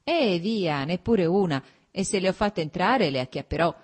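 A woman's voice: lowish voice, expressive, moderate pace, breathy edge. A woman doing an exuberant young landowner. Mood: elated. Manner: exuberant, eager. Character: young man, a cheerful, energetic landowner.

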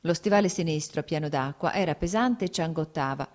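A woman reading a classic novel aloud as an audiobook, steady and measured. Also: low voice. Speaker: audiobook narrator.

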